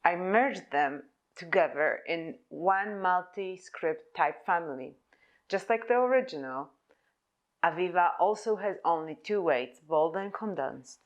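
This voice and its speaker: A young woman presents her own typeface at a conference, speaking English with Polish as her mother tongue. Her low-ish voice has lively intonation, her delivery is measured and note-driven, and the recording sounds lo-fi.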